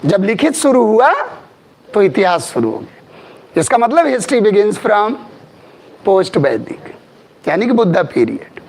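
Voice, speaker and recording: A man's voice: sits high, big pitch swings, slow, long pauses, darkish tone. A middle-aged man giving a classroom history lecture. He talks emphatically, repeats key terms and asks his students questions. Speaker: history teacher.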